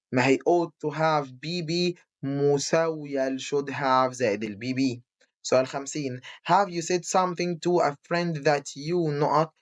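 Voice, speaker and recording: A young man with an Egyptian Arabic accent teaching an English exam review lesson. He reads English sentences slowly, then explains them quickly in Arabic. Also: medium pitch, lo-fi sound.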